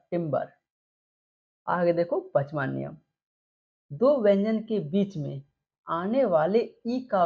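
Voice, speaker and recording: A woman's voice: fairly low pitch, a little mellow, breathy edge. A woman teaching English spelling rules, who repeats each example word and asks the class questions before answering them herself. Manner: repeats words and quizzes with questions. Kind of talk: explaining rules to students. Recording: dull lo-fi recording.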